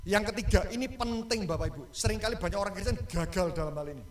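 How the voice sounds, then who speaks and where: A male pastor, preaching a lively sermon and joking with the congregation and asking them questions. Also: high voice, quick pace. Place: church. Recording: echoey church hall.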